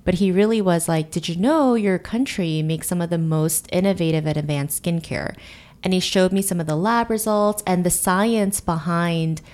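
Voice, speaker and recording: Speaking at a normal speed in a fairly low, darkish voice, this woman in her thirties, a beauty company founder from the United States and Korea, responds to an interviewer as a guest. She comes across fluent and earnest, leaning often on "you know" and "really."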